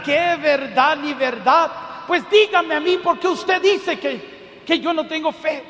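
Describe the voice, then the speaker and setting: A man's voice: extremely high pitch, fairly even intonation, a little fast, fairly bright tone. A preacher quoting an indignant woman in a wheelchair. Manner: indignant, then tearful and pleading. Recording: long hall reverb.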